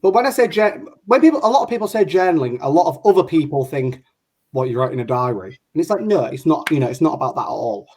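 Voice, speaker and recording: A man's voice: on the high side, sing-song, fast talker, hardly any pauses, a little mellow, a little hiss or hum. A man from Hull with a northern English accent, hosting an online interview in a casual, rambling way and often interrupting himself. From Hull, England. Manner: chatty, rambling, self-interrupting. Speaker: host of an online interview show. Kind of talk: casual chat.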